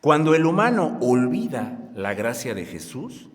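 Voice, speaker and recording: A man delivers a sermon at a measured, unhurried pace, his pitch moving widely as he swells to loud, emphatic peaks on key words. His voice carries a long reverberant tail, as if filling a large hall. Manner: slow, lively preaching with strong rises in loudness; leads the congregation in reading aloud. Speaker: pastor. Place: church hall at a conference.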